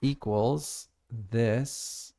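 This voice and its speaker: An American man live-streams his game development, thinking aloud and reading code lines as he types in a casual coding session. His voice is medium in pitch with a dark, creaky tone, and he draws his words out.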